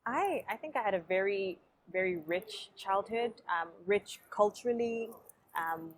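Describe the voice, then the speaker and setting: A young woman from Africa, talking as a podcast guest in a relaxed, reflective way. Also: medium pitch, a little slow. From South Africa. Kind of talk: casual interview conversation.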